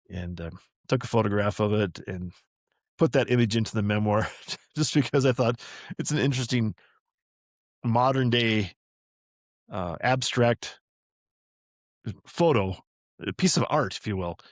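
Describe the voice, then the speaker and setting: A man's voice: fairly low pitch, dry recording, studio quality. An older man hosting a podcast, reading a family memoir aloud and drifting into chatty, rambling asides that he corrects as he goes. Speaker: podcast host.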